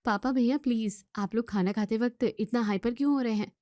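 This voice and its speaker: A woman's voice: on the high side, brisk, dark tone, no echo, clean studio sound, close to an everyday voice. A woman voicing Kirti, a caring young woman from the city, who talks earnestly and pleads in a cartoon story.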